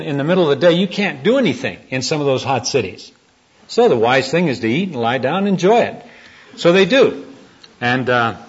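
A husky-voiced man preaches at a church gathering with a folksy, earnest storytelling manner. He was born in the United States. The recording is muffled and lo-fi. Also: on the high side, a bit bright. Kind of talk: sermon with storytelling. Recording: dull lo-fi recording.

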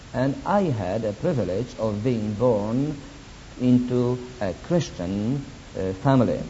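A Polish man preaches in English with a Polish accent as a guest preacher, delivering a sermon with personal testimony in deliberate, halting non-native phrasing with wry asides. His voice is mid-range and dark, captured in a dull lo-fi recording with faint hiss.

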